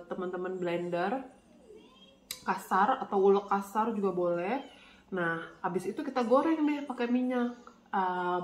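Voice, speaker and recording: A woman's voice: medium pitch, a little mellow. A woman with a blocked, nasal voice from a cold, chatting casually as a vlogger while she eats. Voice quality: congested, stuffy-nosed nasal voice. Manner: chatty, colloquial, often speaking between bites. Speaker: vlogger, channel host. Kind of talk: casual chat while eating, mukbang vlog. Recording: roomy echo, faint background noise.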